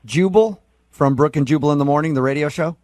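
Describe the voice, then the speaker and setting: A man's voice: fairly high pitch, quick pace, darkish tone, no echo. American male morning radio host, dry studio sound. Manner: mock-earnest, teasing. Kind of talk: casual radio banter with callers.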